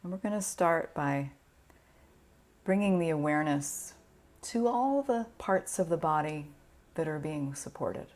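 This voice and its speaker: Guiding a yoga nidra session, this woman speaks in a low pitch yet with lively intonation. Her delivery stays soft, calming, and unhurried, broken by pauses.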